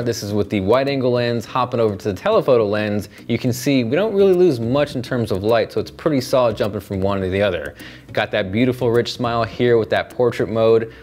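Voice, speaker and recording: A man's voice: medium pitch, darkish tone. Upbeat young man reviewing gadgets outdoors. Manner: upbeat, chatty, enthusiastic. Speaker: tech reviewer. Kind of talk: casual product review.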